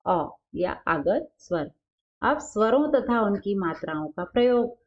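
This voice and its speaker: A woman teaching a grammar lesson to young children, asking questions and answering them herself and stretching out example words slowly. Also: mid-range voice, expressive, darkish tone, highs cut off.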